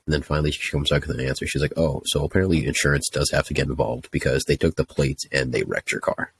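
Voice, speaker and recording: A man's voice: very deep voice, fairly even intonation, quick pace, gravelly, a little hiss or hum. A young man telling a story casually, ranting in an exasperated, profane way. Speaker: podcast host telling a story.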